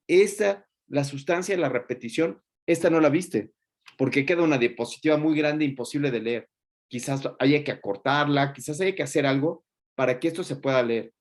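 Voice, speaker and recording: A man, a teacher giving colloquial, joking feedback on student presentations, with many fillers. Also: mid-range voice.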